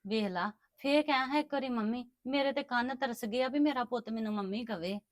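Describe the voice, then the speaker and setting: A woman's voice: fairly high pitch, a little fast, no room sound, studio quality, close to an everyday voice. A woman playing a stepmother who soothes and pleads affectionately, in an amateur family drama. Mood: tender. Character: doting young stepmother, soft and caring.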